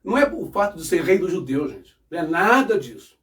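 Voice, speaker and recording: A man's voice: sits high, sing-song, a little fast, a bit bright, far from the mic. A man preaching and explaining scripture, asking his listeners rhetorical questions. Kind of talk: sermon-style Bible teaching.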